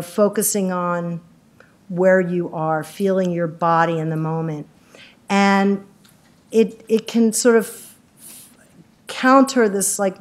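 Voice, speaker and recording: A middle-aged woman psychiatrist giving an informal community talk, chatty and self-deprecating, with lots of fillers and restarts. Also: mid-range voice. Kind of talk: informal lecture.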